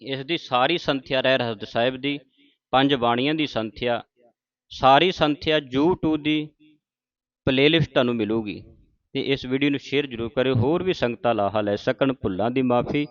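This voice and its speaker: A man teaching how to pronounce scripture. He is patient and corrective, and he chants each word slowly, then repeats it. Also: mid-range voice. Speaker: Gurbani pronunciation teacher. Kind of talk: recitation lesson with slow chanted examples. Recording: muffled lo-fi recording.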